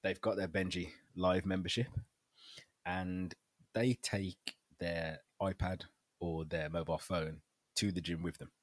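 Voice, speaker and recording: Low husky man chatting on a podcast. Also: flat delivery, unhurried, no room sound. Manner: laughs often, loose storytelling. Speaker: podcast co-host and fitness trainer. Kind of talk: casual chat.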